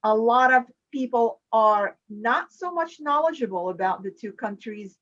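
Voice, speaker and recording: A woman with a high, bright-toned voice hosts a podcast and introduces her guests with upbeat emphasis. The recording sounds a little dull and lo-fi. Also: measured pace. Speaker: podcast host. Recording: dull lo-fi audio.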